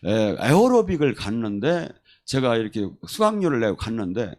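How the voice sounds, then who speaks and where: Animated male preacher telling stories. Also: mid-range voice, normal speed. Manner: animated storyteller who acts out quoted voices. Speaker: pastor. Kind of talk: sermon with testimony stories.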